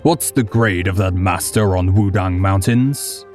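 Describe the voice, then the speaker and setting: A man voicing a gruff, easygoing old male swordsman in an audiobook, blunt and laughing. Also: sits low, unhurried, a little mellow, soft background music. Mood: gruff easy. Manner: laughing, blunt, calls others boy. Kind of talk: audiobook character voice.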